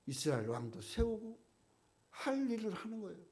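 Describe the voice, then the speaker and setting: Korean pastor guy preaching, fairly high voice, gets loud on the big questions then goes soft. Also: big pitch swings, moderate pace. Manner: emphatic, voices God's questions in a rising, louder tone; drops to a quiet, low voice at the ends of phrases. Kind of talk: sermon.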